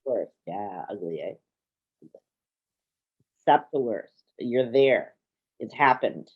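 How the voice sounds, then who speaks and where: A woman coaching someone through a guided exercise, calm and deliberate, repeating key phrases. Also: very deep voice, slightly rough, phone-quality sound. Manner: calm, slow and repetitive, drawing out key phrases.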